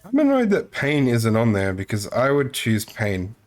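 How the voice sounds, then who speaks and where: A man's voice: mid-range voice, huge pitch swings, normal speed, faint music behind. A male streamer reading a dating game aloud live, with sarcastic asides. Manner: sarcastic, reads character lines in voices.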